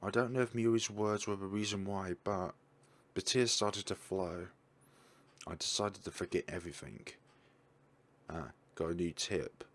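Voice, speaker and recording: A man with a deep, fairly even voice reads a visual novel's text unhurriedly, pausing often. He stumbles and corrects himself, tossing in casual remarks about the game.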